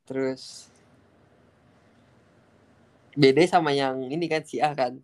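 A young man with a medium-pitched voice and a Jakarta accent talks casually as a podcast guest. His speech is blunt city slang, peppered with swearing. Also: steady tone, slow pace. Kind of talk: casual chat.

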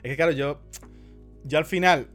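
Animated, laughing male podcast host. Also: fairly high pitch, moderate pace, music in the background. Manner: laughs often, eager, animated storytelling. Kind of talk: casual podcast chat.

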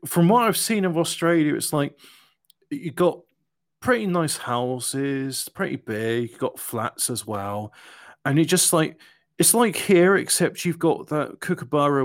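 A man chatting casually in a halting, conversational way. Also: medium pitch, expressive, dry recording, studio quality. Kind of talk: casual chat.

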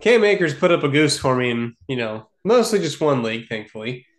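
A man's voice: medium pitch, very animated, brisk. A man chatting casually as a sports podcast co-host in an informal, slangy way. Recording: echoey, roomy sound.

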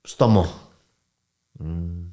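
A man's voice: low-pitched, very slow, mellow. A young man with a Mexican Spanish accent, casually telling a story on a podcast in heavy slang and acting out the voices of people in it. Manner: slangy, acts out quoted voices, laughs often. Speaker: podcast co-host.

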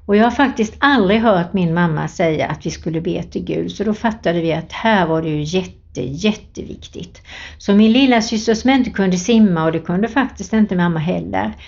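A woman's voice: fairly low pitch, creaky, a little mellow. A woman giving an earnest devotional talk, reading Bible passages and telling a personal story in a plain way. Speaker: lay preacher. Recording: dull lo-fi recording.

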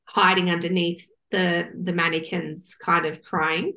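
A woman's voice: on the low side, level tone, a little slow, pushed and bright. A woman, co-hosting a casual chat show and telling a long, candid, rambling story. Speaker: podcast co-host.

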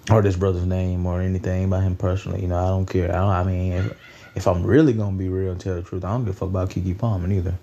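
A man's voice: deep voice, little pitch movement, fast, gravelly, warm tone, dull audio. A nineteen-year-old man hosting a solo podcast, rambling in a loose, profane, conversational way. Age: late teens. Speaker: podcast host.

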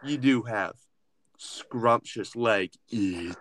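A man's voice: on the low side, extremely slow, fairly bright tone. A man co-hosting a comedy talk show, speaking in a pompous, mock-formal, old-timey way. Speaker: podcast co-host. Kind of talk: comedic banter.

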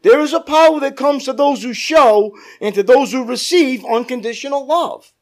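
A man's voice: extremely high pitch, normal speed. A man preaching a sermon as pastor into a pulpit microphone, repeatedly calling on the congregation for an amen. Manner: calls out for amens from the congregation.

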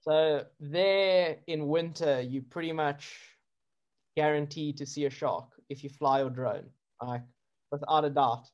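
The speaker is a South African man, a surfer who films with drones, chatting in a relaxed interview with many fillers and laughs. His voice is on the high side and unhurried, and the recording sounds muffled.

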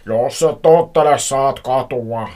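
A man voicing a threatening unknown male caller in a read-aloud horror story, speaking low and menacing. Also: big pitch swings, husky, exaggerated voice.

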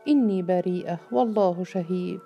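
A woman's voice: on the low side, fairly quick, gravelly, dull audio, faint music behind. A woman voicing a despairing young woman in a storybook, pleading and tearful.

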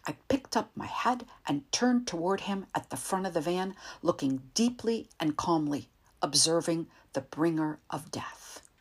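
A woman reading an audiobook in a calm, measured way, sometimes dropping to a soft whisper. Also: on the low side, slightly rough. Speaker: narrator. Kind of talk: audiobook narration.

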